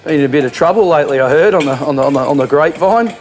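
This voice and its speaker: A man's voice: a little high, racing. An Australian man hosting a comic home cooking show in a laid-back, slangy way, full of fillers, in a kitchen.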